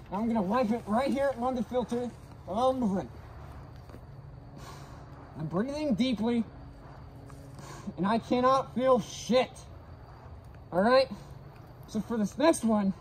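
A young male vlogger talks through a gas mask, breathing deeply as he casually shows off safety gear in a brash, foul-mouthed way. The recording is low quality, with a little background noise.

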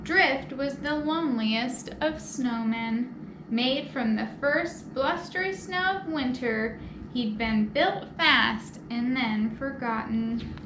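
Reading a picture book to children in a library room, this young adult storytime host speaks slowly in a high voice and puts simple questions to her young listeners. The sound echoes around the room, and background noise is clearly audible.

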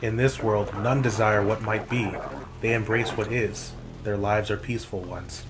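A man voicing a cold male robot overlord that glitches with error messages, reading the lines flatly over noisy gameplay. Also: fairly low pitch. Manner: flat, measured, reading game lines aloud. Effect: none; glitching robot voice done by mouth, repeating error messages. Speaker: let's play co-host.

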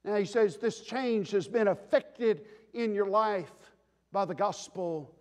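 High-pitched, slow preaching man. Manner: emphatic preaching, rising to loud declarations then dropping low. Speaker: pastor. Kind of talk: sermon. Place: church sanctuary. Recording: long reverb of a church sanctuary.

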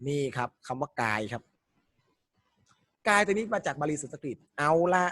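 A male tutor with a fairly high voice walks students through exam questions, stopping again and again to ask them for the answer. The sound is close and dry, with no room echo at all. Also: lively intonation, moderate pace, sharp tone. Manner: explains step by step, quizzing students with questions. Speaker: Thai language tutor. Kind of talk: exam-prep lesson.

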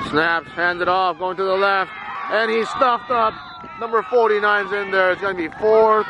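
Amateur sideline commentator, male, middle-aged, higher-pitched voice, clipped excitable play calls, very loud wind on the camera mic. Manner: clipped short phrases, rising with excitement during plays. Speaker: parent filming and commentating a youth football game. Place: outdoor football field. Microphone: camera microphone exposed to wind. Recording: muffled outdoor recording, loud wind noise. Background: loud wind and outdoor ambience.

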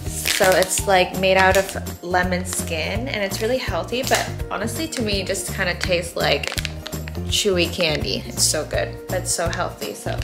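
A woman's voice: fairly low pitch, normal speed, roomy sound, loud music behind the voice. A young adult woman chatting casually and upbeat in a vlog, filling her talk with "like" and "um". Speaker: vlogger.

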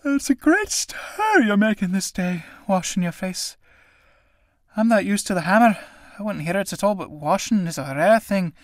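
A woman reads a play aloud in studio quality with no room sound, voicing a sly old tinker woman fond of drink, whose manner is mocking and wheedling. Her medium-pitched natural voice is raised above her usual register, with lively intonation, a moderate pace, and a sleepy, mocking mood.

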